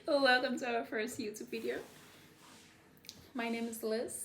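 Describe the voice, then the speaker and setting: A woman's voice: on the high side, fairly even intonation, unhurried, a bit bright, slight background noise. A Nigerian-born woman in her twenties chatting casually to camera as a vlog co-host, giggly and earnest. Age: 20s. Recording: echoey room with background music.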